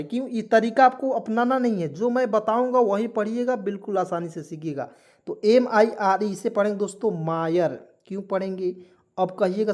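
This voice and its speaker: A man's voice: high voice, a little mellow. A man teaching English spelling in an online lesson, asking his listeners rhetorical questions and checking that they follow.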